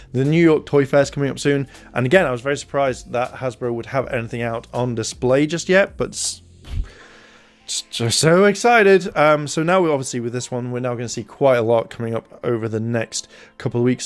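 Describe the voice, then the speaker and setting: Speaking at medium pitch, a man in his thirties who reviews toys on YouTube rambles hesitantly through a casual first look on camera. He's in a small indoor room at home, with a handheld recorder close to his mouth.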